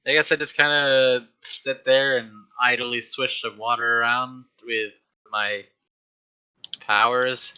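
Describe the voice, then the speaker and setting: A man playing a tabletop game, talking in a hesitant, halting way with many restarts. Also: mid-range voice, flat delivery, bright, forceful tone, smooth, muffled recording. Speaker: player.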